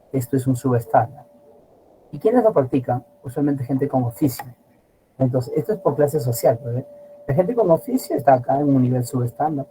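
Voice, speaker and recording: A middle-aged man teaching a class, lively and always asking his students questions. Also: mid-range voice, a little hiss or hum, poor audio. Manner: animated, asks students constant rhetorical questions. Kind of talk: classroom lecture.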